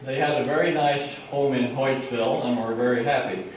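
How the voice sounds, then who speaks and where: A man's voice: medium pitch, fairly even intonation, normal speed. Older man, rambling family history talk, asides and restarts, distant echoey room, background noise.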